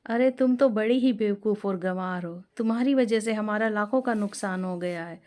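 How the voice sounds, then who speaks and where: A woman's voice: medium pitch, moderate pace, warm tone, lightly acted. A woman voicing a blunt, city-bred elder daughter-in-law. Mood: contemptuous.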